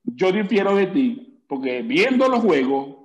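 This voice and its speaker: A man's voice: a little high, big pitch swings, a little slow, highs cut off. A man arguing hard in a casual podcast debate, repeating his points over and over. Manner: insistent, repeats himself over and over. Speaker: podcast co-host.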